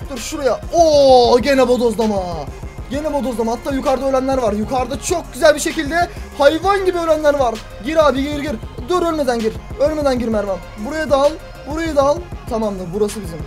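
A man commentating his own gameplay for a video, talking to himself and crying out at what happens on screen. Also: very high-pitched. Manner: excitable, talks to himself and cries out at the game. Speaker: gaming YouTuber. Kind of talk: let's-play commentary.

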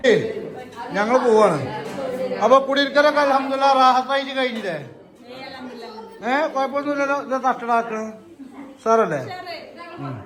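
A man with a Malappuram Malayalam accent, vlogging outdoors at a family gathering and loudly ordering and teasing his relatives. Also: extremely high pitch, expressive, normal speed, pauses often. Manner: loud, bossy and teasing, calling out orders. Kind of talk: casual vlog, herding relatives. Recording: busy crowd noise behind.

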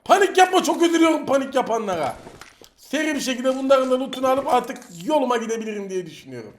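Young man, gameplay commentary, teasing trash talk, very high-pitched, clear game gunfire behind. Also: very animated, fast, slight background noise. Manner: teasing, playful trash talk with sudden outbursts at enemies. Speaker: mobile shooter gameplay streamer. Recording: home mic with loud game gunfire behind.

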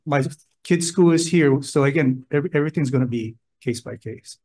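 Before legislators in a hearing room, a state emergency official describes plans in a plain-spoken, conversational manner, illustrating with examples. His medium-pitched voice is brisk with a darkish tone.

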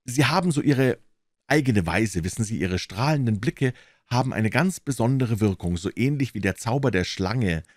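A man voicing a smooth, evasive older male asylum director with a lively, insisting manner. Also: medium pitch, moderate pace, dry recording, studio quality, voice pushed down, lightly acted. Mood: insistent, courtly.

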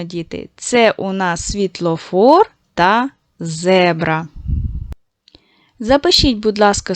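Speaking at a medium pitch with no echo, a woman teaches young schoolchildren in a recorded lesson. She talks to them directly, praises them warmly and patiently, and stretches sounds out slowly to model pronunciation.

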